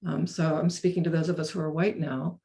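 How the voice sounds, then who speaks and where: Woman, sixties, guest speaker; earnest, halting storyteller on a video call. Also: deep voice, little pitch movement, vocal fry, dark tone. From North Carolina. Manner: earnest storytelling with frequent restarts. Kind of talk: webinar talk.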